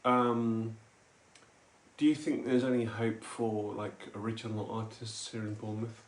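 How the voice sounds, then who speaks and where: A man's voice: lowish voice, little pitch movement, unhurried, echoey room. An English man hosting a casual interview, joking with his guest and nodding along with frequent mms. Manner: jokey, with frequent mm and yeah. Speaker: interviewer, host.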